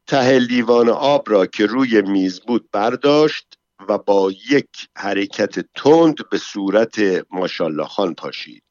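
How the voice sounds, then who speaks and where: A man narrating a story in a steady, measured storytelling manner. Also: medium pitch, no room sound. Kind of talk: scripted narration. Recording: dull lo-fi dry recording.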